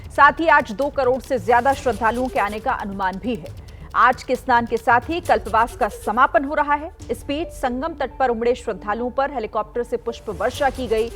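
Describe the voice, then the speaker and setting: A woman's voice: a little high, normal speed, a bit bright. Woman news anchor over faint music. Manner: crisp, formal delivery. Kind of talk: news reading.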